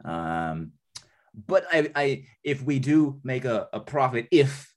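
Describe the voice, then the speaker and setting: A man playing an evasive male beauty shop owner in an improvised comedy scene, halting and full of fillers. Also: mid-range voice, sing-song. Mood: hesitant.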